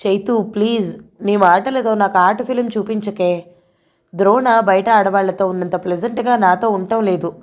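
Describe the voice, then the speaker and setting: A young newlywed wife, hurt and pleading, pours out her complaints to a close friend, voiced by a woman reading an audio novel. Her medium-pitched voice stays close to an everyday speaking tone. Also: normal speed, darkish tone, close to an everyday voice.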